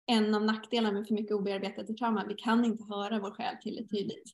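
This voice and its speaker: A woman's voice: medium pitch, little pitch movement. Woman telling stories in an echoey room. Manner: storytelling, acts out inner dialogue. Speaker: guest teacher. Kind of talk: casual podcast conversation. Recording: roomy echo.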